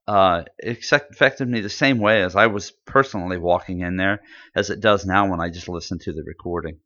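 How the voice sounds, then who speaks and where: A man's voice: sits low, fairly quick, bright, forceful tone. A man co-hosting a podcast in casual chat, rambling and enthusiastic with lots of fillers. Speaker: podcast co-host. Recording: dull lo-fi audio.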